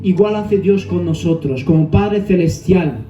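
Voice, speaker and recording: A man in his thirties preaching a sermon with personal testimony, earnest, moving between soft asides and emphatic phrases. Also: sits high, a little slow. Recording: echoey room, distant mic, dull sound, faint music.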